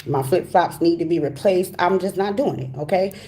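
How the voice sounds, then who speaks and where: Low, mellow woman talking through braces. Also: moderate pace. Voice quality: slightly impeded speech from wearing braces. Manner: informal, folksy, direct address to viewers. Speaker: tarot reader, host of a live reading. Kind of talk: casual chatty live tarot reading.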